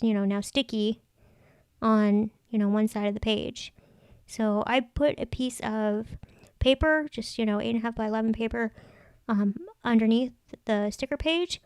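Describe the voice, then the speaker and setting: Female craft vlogger, smooth and slightly high voice, chatty casual tutorial narration, close dry sound. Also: a little mellow, no room sound. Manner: chatty, thinking aloud. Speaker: craft vlog host.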